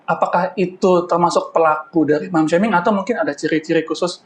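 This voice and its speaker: A woman's voice: fairly low pitch, steady tone, fast, slight background noise. A woman co-hosting a talk show, asking the guest questions with hesitant fillers and lots of agreeing hums. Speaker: co-host.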